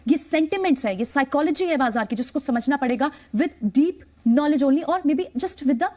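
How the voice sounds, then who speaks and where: A woman's voice: sits high, expressive, normal speed, a little mellow. A woman hosting a TV business show, speaking in a polished way and summarizing her guest's points. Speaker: TV show host.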